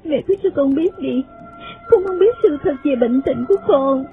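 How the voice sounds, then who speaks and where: Male reader doing a fragile, teary young woman in a high, soft voice for a storybook, phone-quality audio with quiet music. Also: expressive, normal speed. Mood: sorrowful pleading. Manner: soft, tearful, pleading. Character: frail, sorrowful young woman, sickly daughter. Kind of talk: audiobook character voice. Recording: phone-like sound, faint music.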